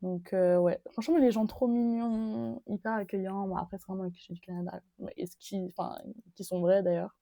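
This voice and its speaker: Young woman from Paris, solo podcast host, rambling and halting. Gravelly, dry recording. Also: mid-range voice, fairly even intonation, dark tone, no echo. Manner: rambling, hesitant, many fillers and restarts. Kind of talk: casual solo podcast chat.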